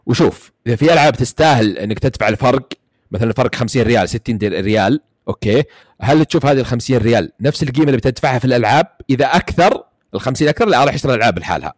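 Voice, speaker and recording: Rapid-talking Saudi man, dry sound. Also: medium pitch, no room sound. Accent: Gulf Arabic, Saudi. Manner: rapid, rambling, many fillers and restarts. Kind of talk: casual gaming chat.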